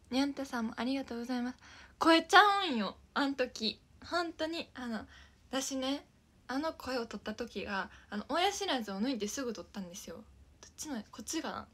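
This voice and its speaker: Here the idol livestreamer's voice is fairly high, bright and husky with a forceful edge. A young woman speaking Japanese with a Kansai accent, she chats casually with her stream, often giggling, sometimes whispering, and calling out viewers by name to thank them.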